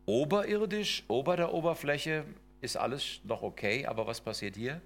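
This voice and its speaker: A middle-aged man lectures on intercultural work with slides, his mid-range voice expressive and his pace moderate. He's emphatic, full of rhetorical questions and tag questions, and faint music plays behind him.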